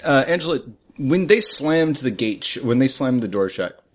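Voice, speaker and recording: A man playing a tabletop role-playing game, chatting off the cuff in a playful, jokey way and thinking out loud. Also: mid-range voice, lively intonation, normal speed. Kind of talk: casual improvised game-table chat.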